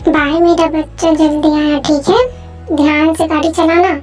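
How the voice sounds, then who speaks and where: A woman's voice: sits high, steady tone, measured pace, darkish tone, soft background music. A woman voicing a worried, nagging mother who waits up late, in an amateur dubbed story. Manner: nagging, scolding.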